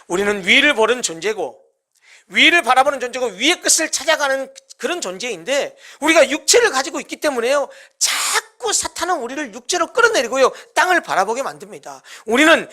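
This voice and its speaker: A pastor preaching a sermon, swinging from loud to hushed whispers. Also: high-pitched, sing-song, fairly quick.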